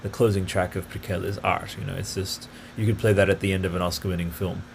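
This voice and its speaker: A man with a fairly low voice hosts his own podcast, rambling eagerly from one tangent to the next. He speaks in a loose, casual way with plenty of fillers. A faint background noise sits under the recording. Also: level tone, fast, creaky. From grew up partly in Italy. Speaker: podcast host. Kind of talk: casual solo podcast talk.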